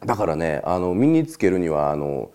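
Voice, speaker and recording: A man talks alone as host in a relaxed, chatty monologue. His voice sits fairly low but swings widely in pitch as he tells his stories. He breaks into short laughs between points. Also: normal speed, clear, resonant tone. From Japan. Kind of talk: casual solo talk monologue.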